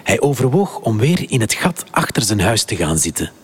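A man narrating a children's story in a slow, expressive storybook reading with a husky voice. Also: on the low side.

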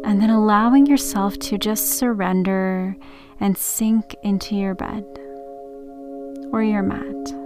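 A woman gently narrating a guided sleep meditation in the soothing, unhurried manner of a sleep story narrator. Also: mid-range voice, fairly even intonation, over music. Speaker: meditation podcast host and yoga teacher.

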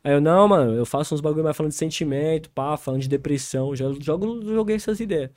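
A man's voice: fairly high pitch, fast, a little mellow, dry recording, clean studio sound. A young man with a São Paulo accent, a rapper guest telling a long story in casual, slang-heavy talk, laughing and acting out other people's lines. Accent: São Paulo Brazilian Portuguese. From interior of São Paulo state, Brazil.

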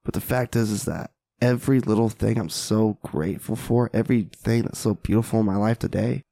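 A man who is a podcast guest and mindset mentor, telling a parable in an animated, casual way and often asking "right?". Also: on the low side, brisk, vocal fry, no room sound. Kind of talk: casual storytelling.

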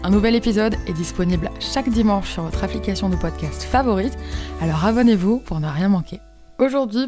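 A woman's voice: medium pitch, dark tone. Woman hosting a podcast, faint music behind. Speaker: podcast host. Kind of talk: podcast intro and interview questions.

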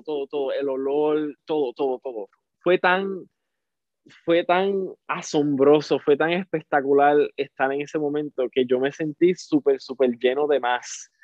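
A man with a Puerto Rican accent, a podcast guest telling a personal story in a casual, animated way and repeating words for emphasis. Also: medium pitch, no room sound. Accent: Puerto Rican Spanish. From Puerto Rico. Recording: dry, phone-like narrow sound.

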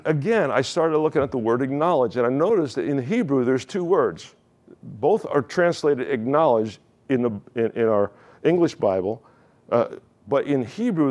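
This male pastor has a mid-range, slightly dark voice and preaches in a conversational style. He keeps asking the congregation questions and frequently starts his phrases over.

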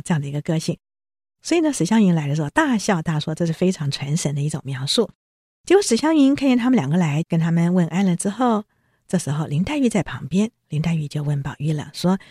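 A woman giving a storytelling lecture, animated, with chatty asides to listeners. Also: fairly low pitch, breathy edge, no room sound, studio quality. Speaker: lecturer on a classic novel.

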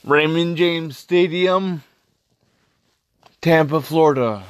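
A man hosting a casual solo podcast review, speaking in halting, terse, choppy phrases. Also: fairly high pitch, no room sound. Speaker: wrestling podcast host.

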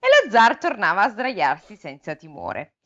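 A woman's voice: mid-range voice, big pitch swings, moderate pace, a bit bright, muffled recording. A woman reading a fairy tale aloud, breaking off for playful casual asides. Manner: playful asides between read passages. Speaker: story reader and podcast co-host.

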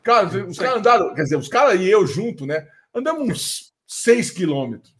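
A man's voice: high-pitched, normal speed. A man from Brazil telling a story in casual chat, swearing freely and acting out the voices of the people in it. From Teresópolis, Brazil. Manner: animated, swearing, acts out voices in anecdotes.

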